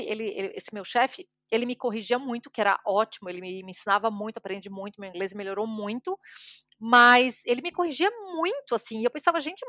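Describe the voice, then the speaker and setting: A woman's voice: on the high side, no echo, clean studio sound. A woman hosting a podcast in casual chat, telling anecdotes and acting out the dialogue in them. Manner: animated anecdotes, acts out dialogue. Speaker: podcast host.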